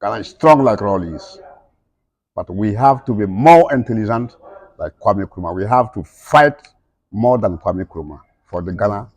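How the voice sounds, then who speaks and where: A man's voice: on the low side, lively intonation, normal speed, a little mellow, dry recording, highs cut off. A middle-aged man speaking emphatically in broken, non-native English, repeating his points as an interviewee. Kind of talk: impassioned conversational speech.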